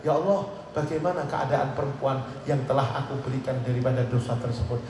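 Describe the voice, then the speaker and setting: A preacher voicing a remorseful young scholar. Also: male voice, mid-range voice, brisk, a little hiss or hum, pitched below the performer's own voice, close to an everyday voice. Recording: echoey loudspeaker sound from far off.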